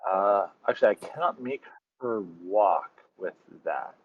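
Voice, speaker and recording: A man's voice: fairly low pitch, animated, unhurried, slightly rough. A man playing a tabletop game, thinking aloud and checking the rules mid-sentence. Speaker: player. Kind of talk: casual tabletop game chat. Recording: slightly dull lo-fi sound.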